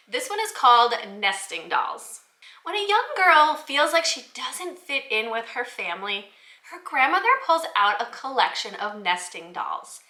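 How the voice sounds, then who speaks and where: A woman hosting a children's book review channel presents an upbeat scripted vlog to teachers, addressing viewers directly and explaining with enthusiasm. Her voice is on the high side, pushed and bright, in a reverberant space.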